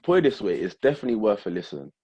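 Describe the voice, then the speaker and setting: Male podcast host, very low voice, informal street slang, loose casual music chat. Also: sing-song, very fast, a little mellow, husky, muffled recording. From Essex, England.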